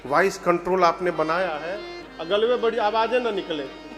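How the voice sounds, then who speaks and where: A man with a Bhojpuri-tinged Hindi accent giving a humorous devotional sermon, telling rustic, joking stories in a lively way, recorded in a reverberant hall with music behind. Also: sits high, normal speed. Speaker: religious storyteller.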